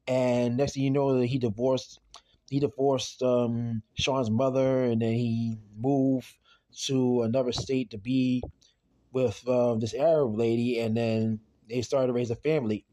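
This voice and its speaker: A man casually recapping a TV episode on his podcast, rambling with lots of "I mean" and "though", and talking quietly about his late father. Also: mid-range voice, little pitch movement, unhurried.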